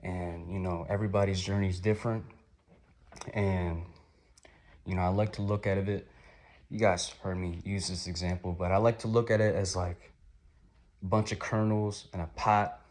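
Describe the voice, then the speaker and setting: A man in his twenties, somewhat hoarse, talking through a rambling, upbeat, reflective vlog. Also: low-pitched, level tone, normal speed, pauses often. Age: 20s. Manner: rambling, upbeat, gently motivational. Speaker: vlogger.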